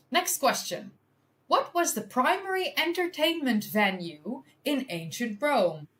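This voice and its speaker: A woman's voice: fairly high pitch, a bit bright. Dutch woman streaming a history quiz, takes her time, voice bounces up and down a lot, chatty and jokey with her chat. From Netherlands. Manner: thinks aloud, chatty and self-deprecating, laughs often. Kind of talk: casual live-stream chat.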